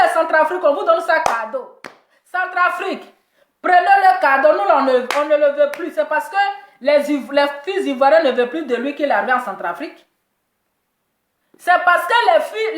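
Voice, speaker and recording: A woman delivers a mocking gossip rant in a high, bright-pitched voice, teasing and repeating her jokes with laughter. The sound is echoey, as if recorded in a bare room. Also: expressive, normal speed, slight background noise. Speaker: commentator reacting to celebrity gossip.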